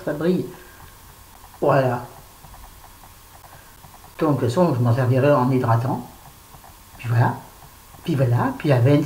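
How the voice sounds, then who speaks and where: A woman's voice: low-pitched, mellow. A woman in her fifties chatting frankly to camera at home, rambling and self-mocking, stressed and irritable. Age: 50s. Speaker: vlogger. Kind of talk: casual unboxing chat to camera. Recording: echoey room with faint ambience.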